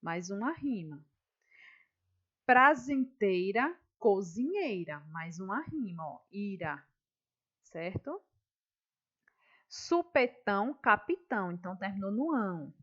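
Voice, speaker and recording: Slow, patient woman teacher. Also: medium pitch, sing-song, a bit bright, highs cut off. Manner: patient, explaining step by step with checking questions. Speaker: schoolteacher. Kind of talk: classroom lesson.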